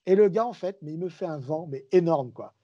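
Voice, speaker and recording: A man's voice: fairly high pitch, fairly quick, dull audio. A man, a guest commentator, telling anecdotes in a casual podcast chat and acting out the dialogue as he goes. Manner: lively storyteller who acts out dialogue. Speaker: guest, sports and wrestling commentator.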